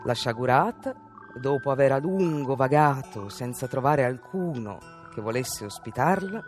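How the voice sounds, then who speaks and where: Animated woman reading a fairy tale. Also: rumbling low, moderate pace, over music. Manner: expressive, animated. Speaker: storyteller. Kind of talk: storybook reading on radio.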